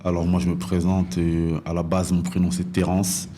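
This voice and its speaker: Deep-voiced and monotone, this man speaks at a moderate pace in a dark tone, with a little hiss or hum on the recording. He's in his thirties, from northern France, and recounts his personal story as a podcast interview guest, often hesitating and repeating himself.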